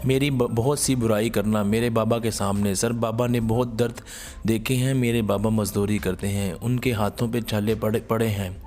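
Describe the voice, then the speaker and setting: A man with a low voice voicing a poor, shy young woman who speaks softly and pleads with a trembling voice. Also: lightly acted.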